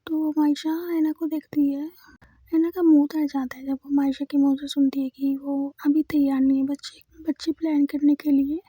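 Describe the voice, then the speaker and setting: A woman narrating in a whispered role-play, hushed and intimate. The voice is high and very mellow, soft and close to the mic. The sound is dry. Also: level tone, normal speed, no room sound. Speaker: storyteller.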